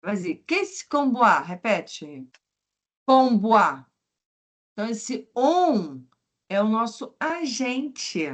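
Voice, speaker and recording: Woman French teacher, very slow pace, repeats each word for practice. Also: fairly high pitch, big pitch swings. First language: Portuguese. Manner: repeats words slowly for pronunciation drills; switches between French and Portuguese explanations. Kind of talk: online language lesson.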